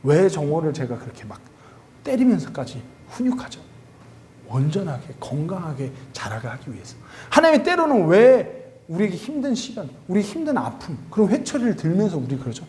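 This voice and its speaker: Male youth pastor, sermon delivery, lively and expressive, pitched high. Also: brisk. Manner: animated, acts out quoted dialogue.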